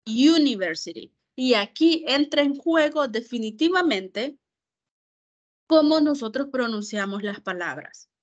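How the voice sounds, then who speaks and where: A woman teaching English in an online class, explaining slowly in Spanish and repeating English words to model how they sound. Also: high voice, lively intonation, muffled recording. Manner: slow, careful, repeats words to model pronunciation.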